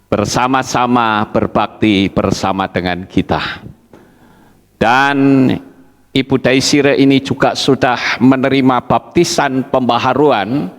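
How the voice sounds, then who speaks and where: Slow-speaking pastor in a reverberant hall. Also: male voice, medium pitch. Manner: slow, deliberate, addresses congregation often. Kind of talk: sermon and church announcements. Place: church hall.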